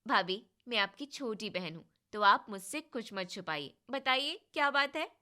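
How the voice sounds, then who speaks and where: A woman voicing a cheeky, protective young sister-in-law who talks loudly and playfully. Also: a little high, lively intonation, normal speed. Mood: affectionate. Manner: loud, playful and bossy.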